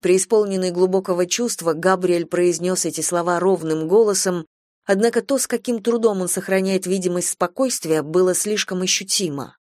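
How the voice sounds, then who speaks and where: A woman narrating a classic story in scripted, measured storytelling. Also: on the low side, a little mellow, no room sound, clean studio sound.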